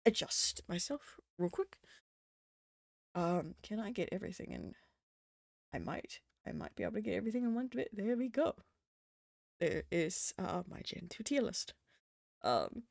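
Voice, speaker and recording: Lively, rambling young woman streamer. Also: lowish voice, no echo, studio quality. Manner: rambling and profane, many fillers. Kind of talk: casual livestream chat.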